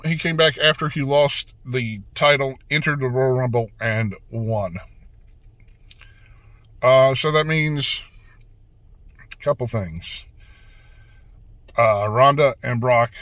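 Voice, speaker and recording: Man, mid-pitched, hiccuping, casual rambling review, dry close recording. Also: dry recording. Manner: relaxed, rambling, with fillers and restarts. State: has the hiccups. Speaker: wrestling channel host.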